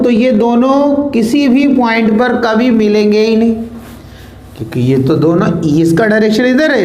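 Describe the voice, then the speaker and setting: A man's voice: very high-pitched, darkish tone, reverberant, slight background noise, rough recording. A male physics teacher giving a board lesson step by step, asking the class questions and answering them himself, and repeating words as he traces lines.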